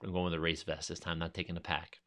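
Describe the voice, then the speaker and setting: A man from New York, hosting a podcast, telling a long personal story in a rambling, energetic way and acting out what people said. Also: deep voice, quick pace. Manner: rambling, energetic, acts out quotes. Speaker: podcast host. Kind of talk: casual storytelling monologue.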